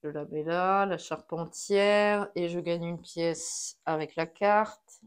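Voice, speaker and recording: A woman's voice: lowish voice, fairly even intonation, takes it slowly, clean tone. A woman talking herself through a solo board game, placing cards and counting pieces aloud in a casual running commentary.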